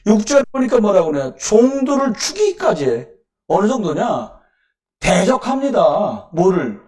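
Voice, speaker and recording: A man preaching a sermon at a Wednesday church service, firing off rhetorical questions and breaking into sudden loud emphasis. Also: high voice, huge pitch swings, moderate pace, far from the mic. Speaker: pastor. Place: church sanctuary.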